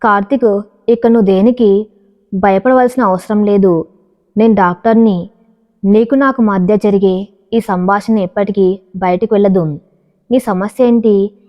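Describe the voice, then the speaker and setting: Woman reading as a seasoned male doctor, calm, probing, soft-spoken, storybook voice, echoey dull audio. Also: medium pitch, unhurried, long pauses, natural voice. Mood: gentle. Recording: dull, reverberant recording.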